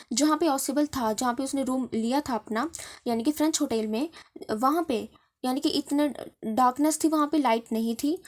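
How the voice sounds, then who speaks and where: A woman teaching a story line by line, reading the English slowly and explaining it in Hindi, often asking and answering her own questions. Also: high voice, a little mellow. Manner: reads English text slowly, then explains in Hindi with many fillers.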